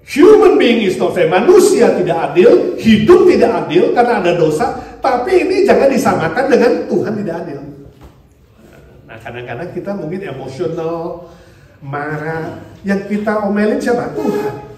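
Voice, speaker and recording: Male pastor preaching, high-pitched, keeps asking rhetorical questions; recorded from afar in a very echoey hall. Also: normal speed. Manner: lively preaching with rhetorical questions, mixing in English phrases. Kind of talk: sermon. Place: church hall. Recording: distant mic in a very echoey church hall, faint noise.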